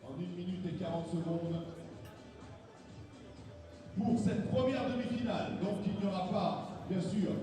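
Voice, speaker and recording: A man announces fights in a booming, theatrical ring style, pitched high. His delivery is grand and drawn out on key phrases, echoing heavily through a big hall and heard from a distance. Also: unhurried, pauses often, dark tone, soft background music. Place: large indoor fight venue. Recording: echoey hall PA, distant, long reverb.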